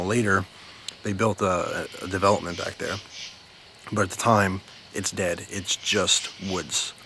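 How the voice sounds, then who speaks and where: An American man with a low voice tells a story in a casual, rambling way. He takes his time and repeats words for weight. He is recorded outside, with light ambient noise behind him. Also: fairly bright tone. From New Jersey, United States. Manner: unhurried, informal, emphatic repetition. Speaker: storyteller, video host. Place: outdoors at night near bushes.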